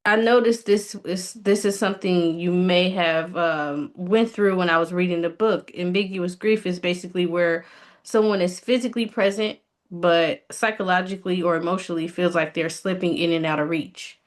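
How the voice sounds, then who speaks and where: Lower-pitched young woman with a British accent. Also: steady tone, normal speed. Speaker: interviewer. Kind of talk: conversational interview.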